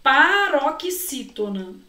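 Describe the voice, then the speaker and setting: A high-voiced Brazilian woman teaching Portuguese to students preparing for an exam. She draws out key words and keeps firing questions at her class. The recording sounds echoey, with her voice a bit far from the mic. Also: sing-song, drawn-out words, bright, forceful tone. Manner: talks to students directly, often asks them questions and answers herself; stretches out key words and syllables while explaining. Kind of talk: exam-prep lesson walking through questions.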